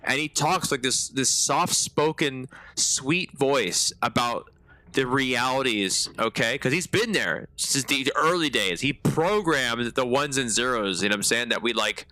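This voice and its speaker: A man's voice: medium pitch, unhurried, dry recording. Slangy man chatting over a game. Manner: casual slangy chat, animated storytelling. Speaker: streamer. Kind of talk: live gameplay commentary.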